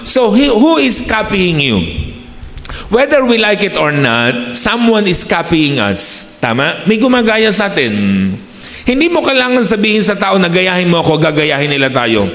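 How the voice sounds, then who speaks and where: Filipino male pastor, mid-high voice, sermon mixing in English, recorded in a reverberant church hall. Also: a bit bright. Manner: mixes English phrases into his preaching, asks the congregation "di ba?". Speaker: preacher.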